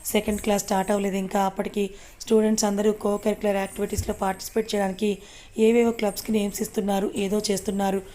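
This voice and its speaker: A woman reading a first-person story aloud as an audiobook narrator, steady and unhurried. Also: medium pitch.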